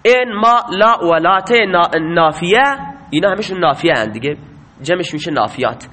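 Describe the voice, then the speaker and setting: A man's voice: high voice, animated, sharp tone. A man teaching a grammar lesson, asking questions and answering them himself.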